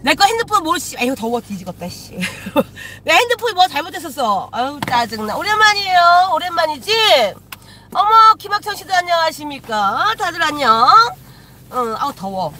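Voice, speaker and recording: High, bright-voiced woman chatting live. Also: big pitch swings, normal speed, slight background noise. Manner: chatty, greets viewers, swears casually. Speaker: shaman hosting a live stream. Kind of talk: casual live-stream chat with viewers. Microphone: phone.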